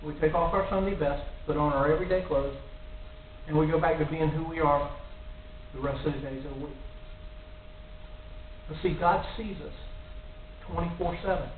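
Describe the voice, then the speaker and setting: Speaking into a close stand mic in a small church room in front of a cross, a middle-aged lay preacher gives a sincere sermon that rises to forceful warnings. He talks at a regular pace in a fairly high voice, pausing often, and the audio is thin, echoing, far-off, and faintly hissy.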